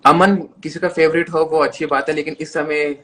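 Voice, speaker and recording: A man's voice: a little high, level tone, moderate pace, sharp tone. A man with an Indian accent hosting a live stream interview, polite and eager. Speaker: interview host. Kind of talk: casual interview. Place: live stream video call. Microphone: video call.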